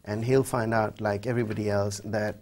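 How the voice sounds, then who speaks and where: A man's voice: lowish voice, steady tone, a little fast, a little mellow, a little hiss or hum. A middle-aged man with a Fiji Indian accent, giving emphatic, articulate interview answers in formal language in a TV studio. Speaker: human rights official, interview guest. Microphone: lapel mic.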